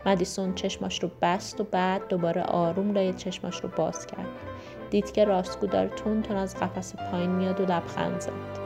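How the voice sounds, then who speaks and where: A woman narrating a children's story aloud in a gentle, even way. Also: on the low side, vocal fry, over music.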